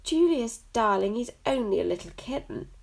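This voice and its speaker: A woman's voice: high voice, moderate pace, gravelly, warm tone, voice pushed up. A woman voicing a vain female house cat in a sweet cooing tone.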